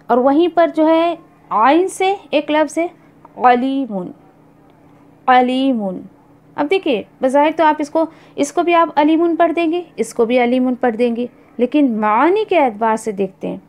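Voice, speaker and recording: A woman teaching Quran recitation, explaining how similar-sounding letters differ and repeating each word slowly for practice. She mixes English words into her speech. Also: high-pitched, a little mellow. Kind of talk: slow explanatory lesson.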